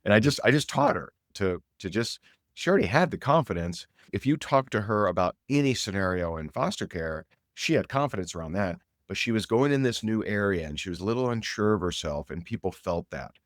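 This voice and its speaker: A man's voice: on the low side, a little fast, no echo, clean studio sound. A middle-aged man hosting a show, coaching on sales in a casual, emphatic, storytelling way. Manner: energetic, emphatic, repeats key points. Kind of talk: motivational sales talk.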